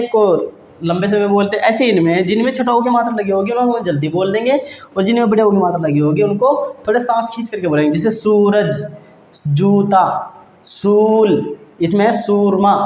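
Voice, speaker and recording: A man teaching a grammar lesson for exam students. He talks patiently, says each word slowly and repeats it, and often calls his listeners friends. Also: sits high, darkish tone. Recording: dull, echoey room with faint hiss.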